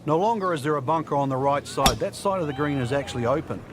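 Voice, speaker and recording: A man's voice: fairly high pitch, fast talker, a crowd in the background, close to an everyday voice. A man playing a folksy, knowing golf commentator, explaining things conversationally for a video game broadcast. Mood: conversational, wry.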